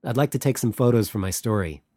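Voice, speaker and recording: A man's voice: on the low side, fast, warm tone, dry recording, clean studio sound, natural voice. A man voicing an awkward male journalist who speaks hesitantly and politely.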